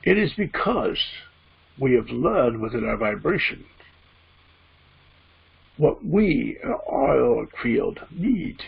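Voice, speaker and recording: A man voicing a spirit guide as a trance medium at a seance, teaching solemnly and deliberately in a gravelly, husky voice. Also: medium pitch, big pitch swings, full character voice. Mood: earnest, teaching. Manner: seance medium manner, preachy, deliberate, emphatic repeated phrasing. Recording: dull, muffled lo-fi audio.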